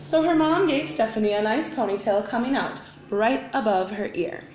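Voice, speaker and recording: Animated woman reading a storybook aloud. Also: a little high, slight background noise. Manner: expressive, deliberate phrasing. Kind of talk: children's storybook narration. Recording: roomy, echoing indoor sound.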